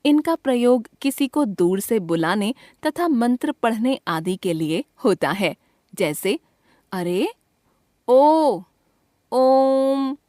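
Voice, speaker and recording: A woman of middle pitch reads a textbook lesson aloud, slowly and deliberately. She spells out each letter and example one by one. The sound is dry and close, with no room around it. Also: expressive, darkish tone, dry recording. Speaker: teacher.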